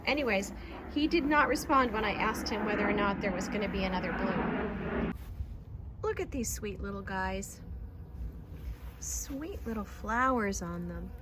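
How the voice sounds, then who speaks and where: A woman's voice: medium pitch, animated, measured pace, pauses often, background noise. A woman giving a casual, chatty garden tour, talking with enthusiastic affection about and to her plants outdoors. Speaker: garden vlogger.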